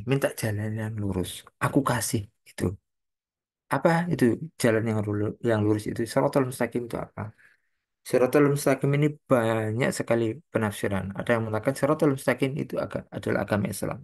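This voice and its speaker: A man's voice: fairly low pitch, a little mellow. A man giving an online Quran commentary lesson, explaining patiently, asking rhetorical questions and reciting Arabic phrases. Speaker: Quran tafsir teacher. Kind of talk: online religious lecture. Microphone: online lecture mic.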